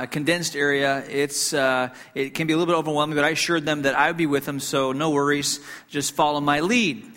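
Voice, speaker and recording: Bright-voiced man telling a sermon story. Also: a little high. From Hong Kong. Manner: conversational, frequent fillers and restarts, self-deprecating humor. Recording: long reverb in a hall.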